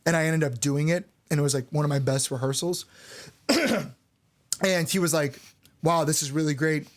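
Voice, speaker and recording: Young male frontman, slightly raised pitch; casual, swear-heavy podcast storyteller. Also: normal speed. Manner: loose and candid, swears freely, lots of "like". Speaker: band frontman and podcast co-host.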